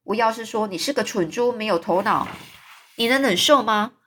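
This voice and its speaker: A woman voicing a furious, skinny, red-haired orphan girl who yells indignantly in a retold storybook. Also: normal speed. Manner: shrill, yelling, indignant.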